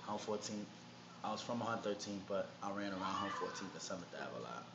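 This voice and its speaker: A rapper from Harlem, New York City, talks casually and in slang during an interview, his New York accent clear in a low, fast voice. The room recording is noisy, muffled and echoey.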